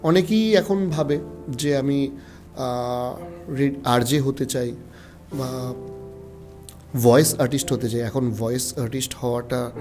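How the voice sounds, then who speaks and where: A man hosting a podcast interview, asking measured questions with a Bengali accent and affirming his guest often. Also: mid-range voice, darkish tone, soft background music. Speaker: podcast host.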